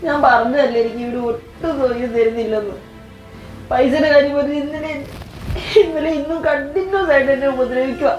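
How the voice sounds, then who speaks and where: A woman's voice: high voice, brisk, darkish tone, lightly acted. A woman playing a young married daughter who is crying and talking in a despairing way. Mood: tearful. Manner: tearful, despairing. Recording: echoey, dull lo-fi sound with faint music.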